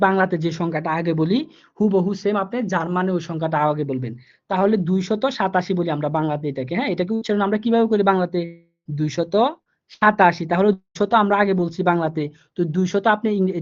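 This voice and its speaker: A man teaching German numbers in a live online class, explaining each step slowly, repeating himself and asking the students questions. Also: high-pitched. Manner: repetitive, patient, asks the students questions. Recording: dull lo-fi online class audio.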